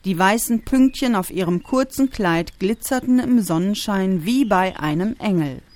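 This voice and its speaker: A woman reading a children's story aloud with expressive storytelling. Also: mid-range voice, moderate pace, no echo. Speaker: narrator.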